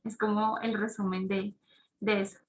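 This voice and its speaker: A woman's voice: medium pitch, flat delivery, normal speed, roomy sound, low-quality recording. A woman giving a conversational talk to parents, explaining ideas step by step and checking in with her listeners through questions.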